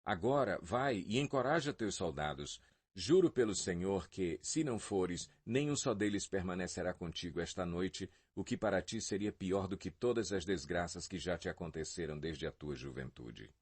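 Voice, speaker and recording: A man's voice: low voice, lively intonation, normal speed, slightly rough. A man reading the lines of a stern army commander who rebukes his king, in a Bible audio reading. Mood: rebuking. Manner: forceful rebuke.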